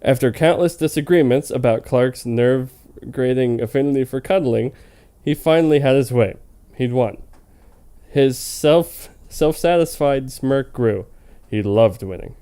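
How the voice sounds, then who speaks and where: For a comedy web series, a man reads fan fiction in a clear, warm, resonant voice of medium pitch, keeping a measured pace. He's casual and playful, stumbling over a word here and there, making jokey asides and laughing readily.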